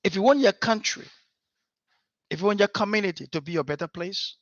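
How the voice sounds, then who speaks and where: A man's voice: sits high, fairly quick, dry recording, highs cut off. Fervent, pleading male speaker. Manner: fervent, pleading, repeats "my friend" often. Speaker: director general of an organization. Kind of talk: impassioned motivational speech.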